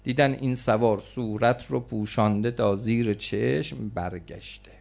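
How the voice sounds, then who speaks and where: A male preacher tells a religious story as a sermon. His mid-pitched voice swings from hushed, quick passages to loud, ringing outbursts. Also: creaky. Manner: dramatic, swings between hushed and loud exclamations.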